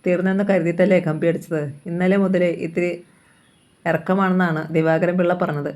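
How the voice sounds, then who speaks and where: A reader voicing a kindly old father in a novel reading, unhurried and gently grumbling. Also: medium pitch, little pitch movement, lightly acted. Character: kindly old father fond of his daughters.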